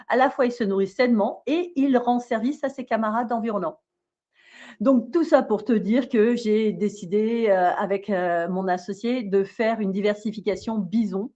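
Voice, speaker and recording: A woman's voice: a little high, mellow. Woman bison farmer on lo-fi audio. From Australia. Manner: explanatory, detailed, laughs easily. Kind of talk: casual interview talk. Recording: dull lo-fi sound.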